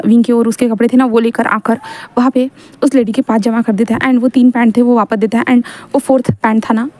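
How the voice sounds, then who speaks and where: A woman's voice: a little high, a little mellow. Chatty woman retelling a story. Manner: chatty, repetitive narration with many restarts. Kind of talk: casual retelling of a fan-fiction story, voicing the characters' lines.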